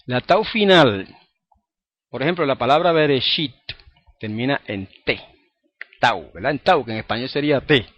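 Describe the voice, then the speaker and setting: A man teaching a recorded lesson, explaining patiently and often checking in with the listener. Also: medium pitch. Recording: dry, dull lo-fi recording.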